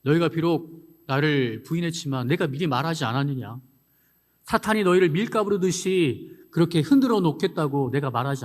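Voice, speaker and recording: Brief: a kind, forgiving Jesus, soft and fatherly, voice a bit high and ringing through a long church reverb, a male preacher acting him out. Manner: tender, reassuring, fatherly. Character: gentle forgiving Jesus consoling a disciple.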